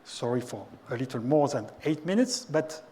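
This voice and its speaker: A man's voice: medium pitch, animated, dark tone. A middle-aged man with a French accent, a native French speaker, giving a prepared talk with frequent halts and restarts. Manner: halting, with restarts and slips. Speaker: ethics speaker.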